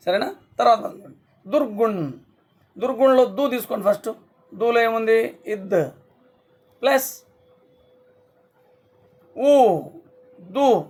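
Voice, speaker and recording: A man teaching a class online, sounding out syllables slowly and often checking that students follow. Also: high voice. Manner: slow syllable-by-syllable explaining, frequent checks.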